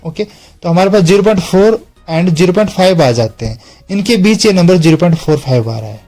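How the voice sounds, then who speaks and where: A man's voice: sits high, expressive, quick pace, dark tone, faint music behind. A man teaching a math lesson, explaining each step and checking in with his students again and again. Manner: repeats check-in tags to students.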